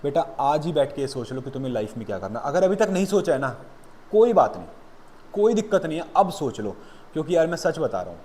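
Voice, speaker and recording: A man's voice: a little high, big pitch swings, quick pace, warm tone, slight background noise. A man teaching an accountancy lesson, calling his students "beta" and mixing explanation with blunt motivational scolding. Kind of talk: classroom lecture.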